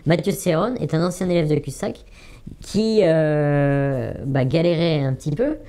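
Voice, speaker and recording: Hesitant man in his forties, mellow voice. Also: fairly high pitch, a little slow. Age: 40s. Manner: hesitant, many fillers, repeats words for emphasis. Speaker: anonymous former trading student giving testimony. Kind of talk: interview testimony.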